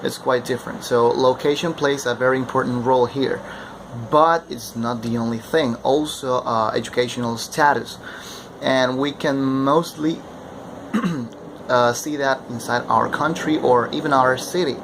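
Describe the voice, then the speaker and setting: Young guy presenting for class, keeps saying okay?, ac humming loud in the back. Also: medium pitch, unhurried. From Ecuador. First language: Spanish. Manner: keeps checking in with a questioning "okay?". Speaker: language student presenting. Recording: steady air-conditioning hum behind.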